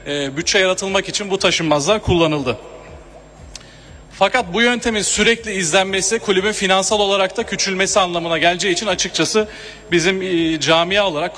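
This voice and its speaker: A man speaking from a podium microphone in a large hall as he addresses a general assembly. He delivers a formal, measured speech with hesitating fillers. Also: sits high, sharp tone. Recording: long hall reverb, faint room noise.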